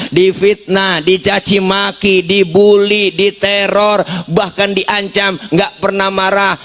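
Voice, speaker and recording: A man preaching a comic sermon, with a voice set a little high for a man. He swings between raised, proclaiming lines and low, chatty asides. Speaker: Islamic preacher. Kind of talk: comic sermon to a live congregation.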